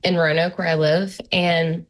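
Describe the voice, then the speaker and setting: Woman in her thirties, lowish voice, casual chatty storyteller with lots of fillers. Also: little pitch movement, measured pace. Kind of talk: casual conversation.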